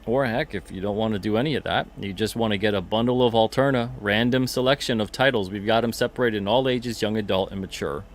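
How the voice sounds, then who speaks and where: A man hosts a casual livestream in a relaxed, rambling way, often repeating his own phrases. His voice sits on the lower side for a man. He talks straight into a desk mic. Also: fast, few pauses. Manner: chatty, rambling, repeats himself, reads chat comments aloud. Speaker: podcast host and comic publisher.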